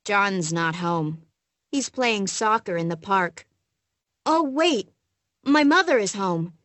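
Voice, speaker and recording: A woman's voice: mid-range voice, lively intonation, slow, fairly bright tone, no echo. A woman reading a friendly young woman's lines in a scripted textbook dialogue, carefully enunciated.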